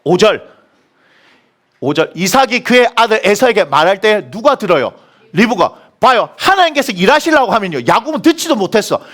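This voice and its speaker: A male pastor delivers a sermon in a church sanctuary. His voice sits high and swings widely in pitch. He keeps quizzing the congregation and then answering his own questions. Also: normal speed. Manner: animated, asks the congregation questions and answers them.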